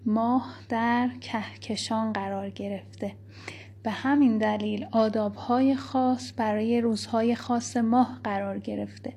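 A woman giving a reflective spiritual talk, speaking softly and slowly, sometimes dropping into a whisper and reciting scripture verses. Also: on the high side, breathy edge. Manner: soft, slow, at times whispered delivery. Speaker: spiritual teacher.

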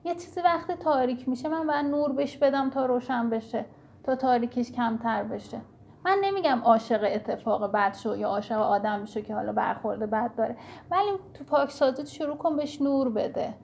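A woman's voice: on the high side, creaky, darkish tone, a little hiss or hum. A woman giving an earnest spiritual teaching talk, speaking directly to her listeners in an instructive way.

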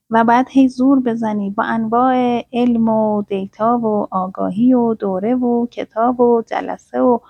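A woman giving a reflective spiritual talk, speaking in a soft, measured way and weaving in recited verses. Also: fairly high pitch, slightly rough, no room sound, dull audio. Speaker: spiritual teacher.

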